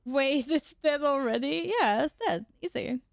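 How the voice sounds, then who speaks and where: A woman with a fairly high voice and plenty of vocal fry streams a game live. She talks casually and informally, with exclamations, at an unhurried pace. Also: no room sound, studio quality. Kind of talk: casual live gameplay chat with viewers and teammates.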